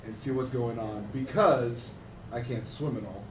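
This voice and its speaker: A man's voice: medium pitch, measured pace. A blunt man playing a tabletop game and asking pointed questions. He sounds distant from the mic. The room is echoey and noisy. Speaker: player. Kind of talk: casual tabletop game chat.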